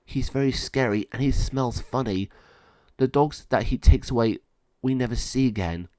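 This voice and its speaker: A man's voice: mid-range voice, normal speed, warm tone, no room sound, close to an everyday voice. A man playing a plucky caged dog. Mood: ominous. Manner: earnest, encouraging. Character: plucky caged male dog, determined digger.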